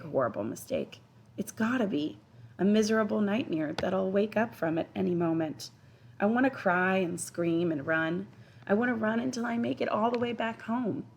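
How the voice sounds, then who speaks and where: A woman teacher reading a children's novel aloud in a steady, expressive first-person storytelling voice. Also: on the low side, slight background noise. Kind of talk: children's audiobook narration.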